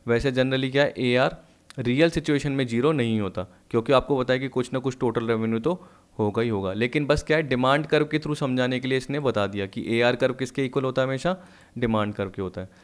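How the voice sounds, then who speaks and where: A man teaching an economics lesson, explaining step by step and slowly reading out textbook lines in English. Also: medium pitch, steady tone, smooth. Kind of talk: recorded online lesson.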